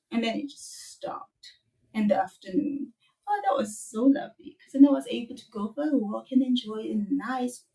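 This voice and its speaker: A woman with a South African accent teaching a children's language lesson, explaining sounds slowly and gently. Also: a little high, distant mic, rough recording.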